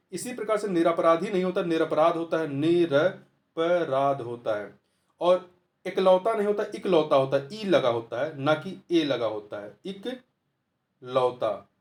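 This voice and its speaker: A man tutoring through a Hindi test paper, explaining each answer step by step and repeating the key words. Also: high-pitched. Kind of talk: test-paper walkthrough lesson.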